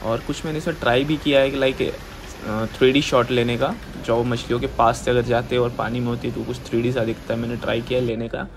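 A young man in his twenties talks casually to his viewers while filming himself on a phone held at arm's length. His manner is loose and chatty, and the voice sits at an ordinary middle pitch. Loud street and traffic noise runs behind him. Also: flat delivery, brisk. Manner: chatty, loose and informal, addressing viewers directly. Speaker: travel vlogger. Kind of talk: casual vlog narration. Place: outdoors at a hilltop temple and viewpoint, also indoors in a hotel and a mall. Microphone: phone camera at arm's length.

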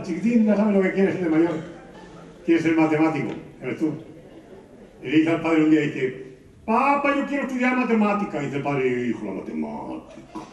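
A man with a La Mancha Spanish accent telling quick stand-up jokes to a live audience, jumping into high voices for the characters. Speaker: stand-up comedian. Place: stage in a hall. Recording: roomy, distant, dull live recording.

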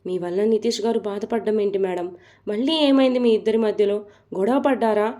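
A woman's voice: medium pitch, steady tone, a little fast, mellow, lightly acted. A woman voicing a caring, frank young female office assistant who chats reassuringly in an audio story. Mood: soothing. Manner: reassuring, chatty.

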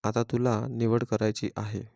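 Calm mystic stranger in an audio story, soft and unhurried, dark tone, read by a man. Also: medium pitch, gravelly, dry recording, studio quality. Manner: calm, quiet, measured. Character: calm mysterious man, Krishna-like wanderer.

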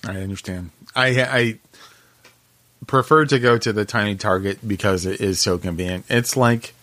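A man's voice: fairly low pitch, normal speed, a bit bright, dry recording. Easygoing man who laughs often. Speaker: podcast co-host. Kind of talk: casual chat.

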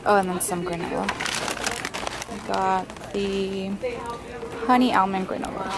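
A woman's voice: mid-range voice, flat delivery, a little slow, heavy background noise. A young woman talking casually to her phone camera in a vlog, chatty and upbeat, rambling a bit. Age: young adult. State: out of breath while working out. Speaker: vlogger.

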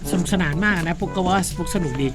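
Woman, radio co-host, lively and bantering, mid pitch, loud music bed. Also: fast. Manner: lively, bantering, laughs often. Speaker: radio English-lesson co-host. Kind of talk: bilingual radio lesson chat.

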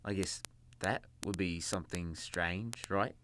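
A man's voice: deep voice, unhurried, fairly bright tone, a little hiss or hum. A man voicing a dry, sarcastic demon hunter.

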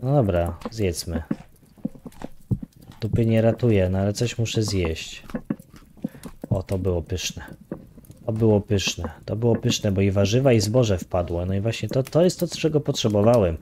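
With a voice on the low side, a gaming YouTuber talks at a measured pace with long pauses through a casual let's-play of his own game, muttering counts and grumbling with light swearing. The background is noisy.

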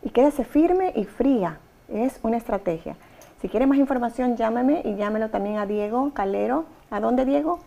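A woman's voice: on the high side, animated, normal speed, vocal fry, dark tone. A woman hosting an advice talk show, giving emphatic, direct instructions to mothers. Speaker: talk show host and therapist.

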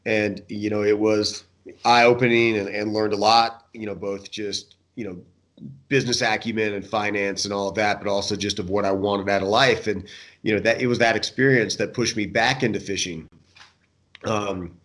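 Joining a remote video call from indoors, an American man in his thirties or forties who works as a fishing guide talks thoughtfully and informally as an interviewee. His voice is lowish and a bit bright, with a level tone and moderate pace.

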